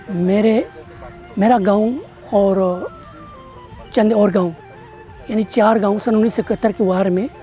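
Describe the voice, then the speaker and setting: A man's voice: high voice, dark tone. A man giving earnest, plain-spoken answers in an interview. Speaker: interviewee, village teacher.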